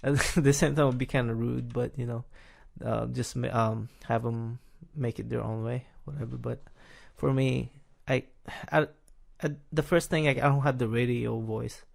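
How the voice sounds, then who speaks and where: Gravelly-voiced man hosting a casual podcast. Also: medium pitch, steady tone, moderate pace, few pauses. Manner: hesitant, restarts often with fillers, chuckles while talking. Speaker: podcast host.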